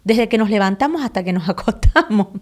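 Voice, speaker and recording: Woman, podcast host, thoughtful, hesitant pauses, reflective questions, conversational. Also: medium pitch, animated, darkish tone. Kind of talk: conversational interview.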